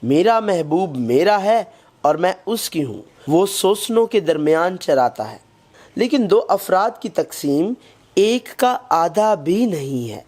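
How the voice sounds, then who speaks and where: Man narrating a scripted Bible lesson. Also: high voice. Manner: measured, even reading with scripture quotations.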